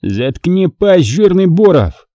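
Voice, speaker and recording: A man's voice: high voice, very animated, takes it slowly, warm tone, no echo, pitched above the performer's own voice, heavily acted. A male reader voicing a brutal male maniac who snarls threats and gloats. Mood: menacing.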